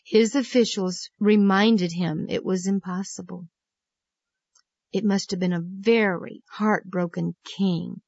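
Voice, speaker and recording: A woman's voice: mid-range voice, no echo. Woman children's Bible teacher, earnest storytelling, dull dry recording. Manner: earnest, gently emphatic storytelling.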